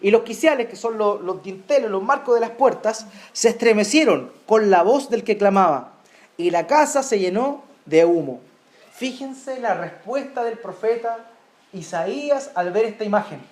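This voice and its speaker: A man's voice: sits high, animated, normal speed, echoey room. A man preaching a sermon in a Chilean Spanish accent, emphatic, repeating key words and checking in with the congregation. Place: church.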